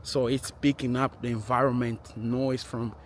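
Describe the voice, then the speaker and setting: A man's voice: mid-range voice, flat delivery, measured pace. A man vlogging outdoors, recorded on a camera's built-in microphone with noise reduction artifacts, chatting casually to viewers. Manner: chatty, addresses the viewers directly. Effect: noise reduction artifacts from the camera's processing. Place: outdoors, windy.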